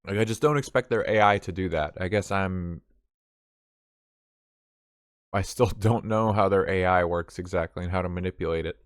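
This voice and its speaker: A man's voice: low voice, brisk, clean tone, dry recording, clean studio sound. A man streaming a video game, rambling and thinking aloud in casual commentary, swearing now and then.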